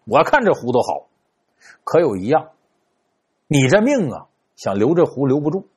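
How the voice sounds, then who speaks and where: A man doing a shrewd smooth-talking fortune teller. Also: a little high, big pitch swings, moderate pace. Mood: coaxing. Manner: coaxing, conspiratorial, hushed warnings.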